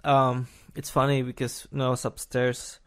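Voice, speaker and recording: A man's voice: mid-range voice, completely flat delivery, normal speed, smooth. A man hosting a casual podcast chat, talking hesitantly with frequent fillers and restarts and chuckling as he talks. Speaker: podcast host.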